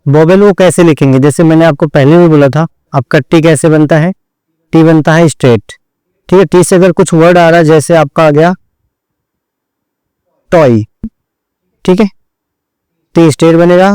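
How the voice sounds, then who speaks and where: Dry, dark-voiced man teaching step by step. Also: a little high, fairly even intonation, moderate pace, pauses often, clear, resonant tone, dry recording, rough recording. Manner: repeats "theek hai" after each step, addresses students directly; drills points over and over. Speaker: shorthand teacher. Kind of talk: online shorthand lesson.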